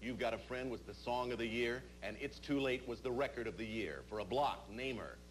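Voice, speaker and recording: A man's voice: mid-range voice, a little fast. A middle-aged man hosting a television quiz show, reading out questions to contestants in a studio. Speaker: game show host. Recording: noisy vintage TV tape.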